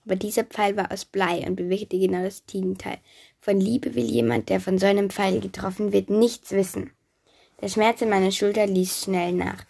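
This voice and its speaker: A woman narrating a children's myth in first person, lively and chatty, speaking directly to the listener. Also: medium pitch, moderate pace, vocal fry, husky. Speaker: storyteller.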